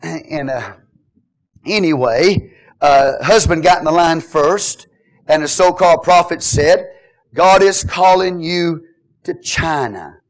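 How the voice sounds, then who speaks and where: Delivering a sermon at a slow pace, this middle-aged pastor mixes in jokes and shifts from hushed asides to loud exhortation. His pitch runs a little high.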